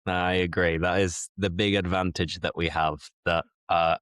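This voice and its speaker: A British English teacher hosts a casual, conversational English-learning podcast, explaining idioms in an easygoing way while slightly congested from a mild cold. His voice is low-pitched and a bit bright, with little pitch movement and an unhurried pace, in studio-quality sound with no echo.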